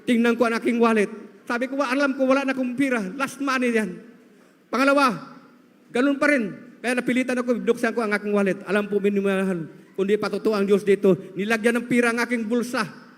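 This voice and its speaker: A man with a strikingly high voice tells his testimony to a congregation. He speaks as a storyteller and keeps calling his listeners beloved. His voice rings out with a long reverb from a large hall. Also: fairly even intonation, quick pace, a bit bright. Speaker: church member giving testimony.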